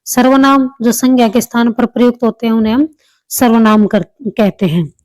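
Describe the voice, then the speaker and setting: A woman teacher talks through practice questions one by one with a slightly high voice. She explains patiently and repeats the key answers. The sound is close and dry, with no room around it. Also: fairly even intonation, moderate pace, darkish tone, dry recording, soft background music, low-quality recording. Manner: explains step by step, repeats answers, small restarts. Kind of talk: exam-prep lesson.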